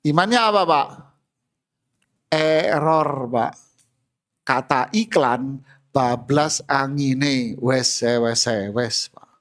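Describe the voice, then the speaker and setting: A man's voice: mid-range voice, drawn-out words, long pauses. A male Islamic preacher, giving a humorous sermon in a mosque and acting out everyday scenes.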